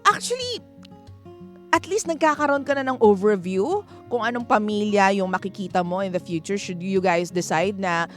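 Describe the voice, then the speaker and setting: A woman's voice: mid-range voice, lively intonation, moderate pace. A woman hosting a radio advice show, chatty, playful and frank, laughing often. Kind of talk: late-night radio advice talk. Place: radio studio. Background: music bed.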